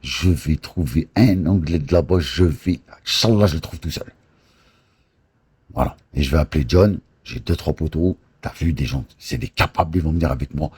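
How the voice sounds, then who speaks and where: A man telling boastful, crude stories in rough street slang, close to the mic indoors. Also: rumbling low, moderate pace, darkish tone. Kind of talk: casual storytelling on a live stream.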